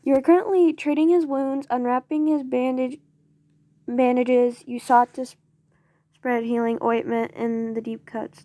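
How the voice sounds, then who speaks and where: High-voiced woman reading fan fiction. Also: mellow, dry recording, clean studio sound. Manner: casual, stumbling, apologetic. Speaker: audio story reader.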